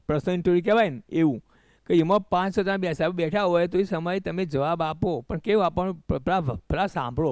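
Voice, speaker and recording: A man with a Gujarati accent explains a school English lesson in a fairly high voice, often stopping to check that his students follow. He reads the English lines slowly, word by word. The recording is dry and close, with no room sound. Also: darkish tone, no echo. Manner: repeats questions to students, frequent "barabar?" checks. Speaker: teacher. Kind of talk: classroom-style lesson explaining an English text.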